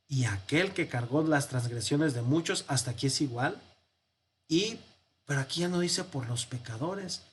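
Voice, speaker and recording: A man's voice: mid-range voice, slight background noise. A priest giving a Bible class, explaining a text step by step and answering his own rhetorical questions. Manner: walks through a text on screen, counting and pointing.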